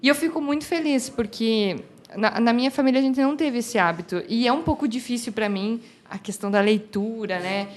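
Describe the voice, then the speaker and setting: A woman's voice: fairly high pitch, a little fast. A woman, a mother chatting on a podcast, with hesitant fillers and easy laughter. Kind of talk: casual podcast chat.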